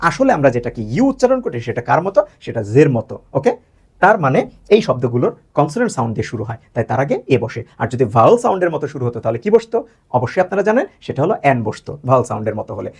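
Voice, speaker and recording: Husky, lively Bangladeshi English teacher. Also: male voice, medium pitch. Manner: quizzing viewers with questions he answers himself; drawn-out stressed example words. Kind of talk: grammar lesson.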